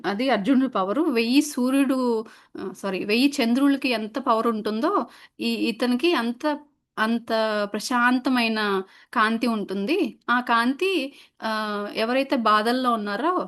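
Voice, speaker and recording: A woman casually narrating a spiritual story in a chatty way, often pausing on filler sounds and restarting words. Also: a little high, a bit bright.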